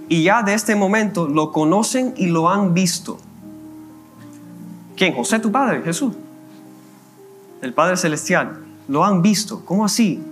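Cuban-accented man preaching over soft guitar. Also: fairly high pitch. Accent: Cuban Spanish. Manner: conversational preaching, slows down reading scripture. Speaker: minister. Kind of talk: sermon. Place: church.

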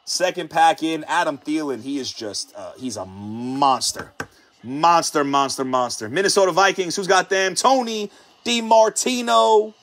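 A man's voice: a little high, fairly bright tone. A man hosting a live sports card break, hyped and chatty, calling out each card as he pulls it and hyping the viewers. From United States. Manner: hyped, repetitive catchphrases, rapid card call-outs.

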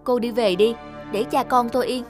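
A woman's voice: on the high side, steady tone, moderate pace, lightly acted. Woman voicing a defiant cartoon daughter. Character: stubborn young daughter, jealous and defiant. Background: background music.

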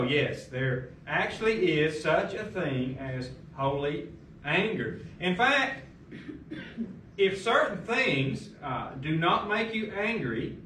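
A man's voice: high voice, bright, forceful tone, reverberant, a little hiss or hum. A middle-aged man pastor preaching a sermon at a lectern, asking emphatic rhetorical questions, recorded by a far camera in a large carpeted church room.

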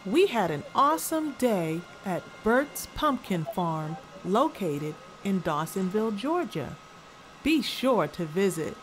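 A woman's voice: mid-range voice, sing-song, takes it slowly, slight background noise, low-quality recording. A woman hosting and narrating a vlog for children. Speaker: video host.

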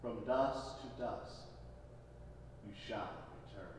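A male pastor leading an evening service in measured, solemn phrases that fade softly at the ends, his voice carrying a cathedral-like echo. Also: on the low side, slight background noise. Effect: cathedral-like echo, long church reverb. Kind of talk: Ash Wednesday sermon and liturgy. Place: large church. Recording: distant mic in echoey church hall.

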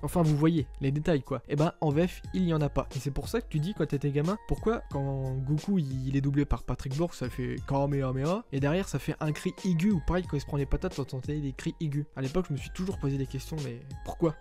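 A man's voice: on the high side, quick pace, few pauses, mellow. A young adult man talking casually and in slang to his viewers in an opinion vlog. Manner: slangy, conversational, addresses viewers directly. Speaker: anime YouTuber. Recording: faint background music.

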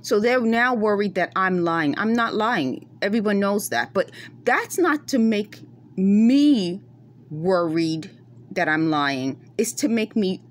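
A middle-aged woman with a mid-range voice delivers a casual to-camera monologue on her phone, held close in a dim room at night, with slight background noise. Her Bronx New York accent shows West Indian traces, and she explains things in circles, earnest and insistent.

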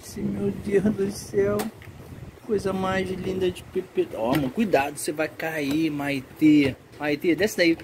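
A woman's voice: on the low side, steady tone, a little slow, noisy background. A woman films her toddler on a phone, talking in coaxing, sing-song baby talk and playful scolding. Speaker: mother filming her toddler at play. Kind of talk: casual home video chatter to a child.

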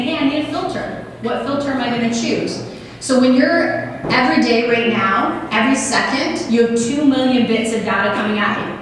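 An energetic woman in her forties delivers a motivational keynote from a podium, her voice pitched a bit high. She keeps asking the crowd questions. The sound is very echoey with a long hall reverb and clear background hiss. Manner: energetic, asks the audience questions, gestures a lot. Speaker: keynote speaker. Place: large banquet hall with audience. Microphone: podium microphone on a stand. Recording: echoey hall recorded from a distance.

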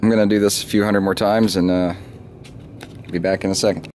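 Fairly low-pitched, flat, brisk and somewhat dark, the voice is that of a man from the American South vlogging about his car. He rambles offhandedly, with a little swearing, as he works at the open trunk outdoors. The handheld phone or camera mic picks up plenty of noise, clicks and clunks.

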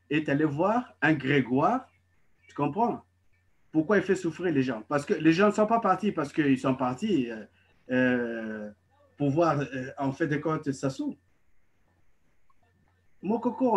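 A man's voice: a little high, breathy edge. A middle-aged man from Congo, a guest on a video call at home, giving emphatic political commentary and often restarting his sentences. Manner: emphatic, halting with many restarts. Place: home living room. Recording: dull lo-fi video call audio.

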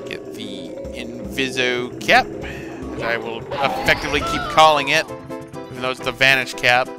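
Here the gaming host's voice is mid-range, fairly even in intonation and a little slow. He keeps up a casual, playful let's play commentary, frequently talking to his game's characters, with game music in the background.

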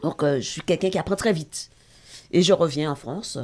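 A woman's voice: deep voice, normal speed, darkish tone. A middle-aged woman, a talk show guest and association president, giving an intense, emotional personal testimony with hesitations.

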